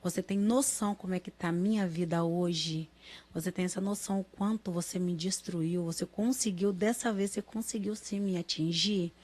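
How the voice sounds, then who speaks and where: Woman in her 30s, mother, interview testimony, halting delivery with repeated words, acts out quoted lines. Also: lowish voice, steady tone, a little mellow.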